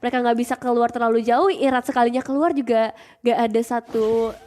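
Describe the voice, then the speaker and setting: A woman's voice: a little high, fairly even intonation, a little fast, a little mellow, a little hiss or hum. A woman with an Indonesian accent giving chatty, emphatic live analysis as a commentator on an esports match. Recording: music behind the voice. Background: background music.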